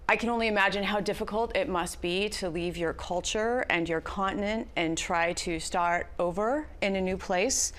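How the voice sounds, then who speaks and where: A woman interviewer asking prepared questions in a measured, formal broadcast manner. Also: fairly low pitch.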